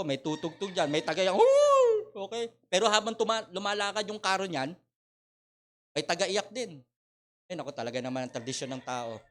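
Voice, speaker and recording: Animated Filipino pastor preaching. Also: male voice, on the high side. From Philippines. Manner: animated preaching, swinging between loud appeals and quiet asides, mixing in English. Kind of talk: sermon.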